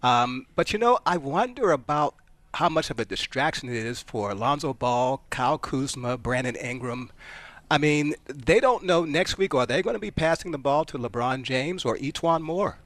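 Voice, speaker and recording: A man's voice: mid-range voice, animated, normal speed, a bit bright, no room sound. A man reporting on a sports story in a thoughtful, conversational way. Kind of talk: live remote report.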